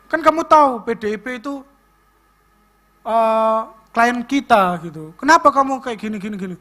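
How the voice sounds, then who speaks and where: A stern lawyer hammers out accusing questions in a raised, higher voice, as a young man quotes him in a church talk. His questions come quick and pressing, with sharp rises in pitch.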